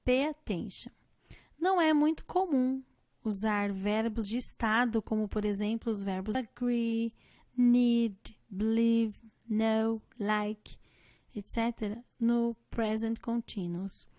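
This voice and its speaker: A Brazilian woman teacher walks through a grammar lesson with a slightly high voice, taking her time over every word. She spells letters out patiently and the sound is close and dry, with no room around it. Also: slow, a little mellow, no echo. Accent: Brazilian Portuguese. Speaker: English teacher.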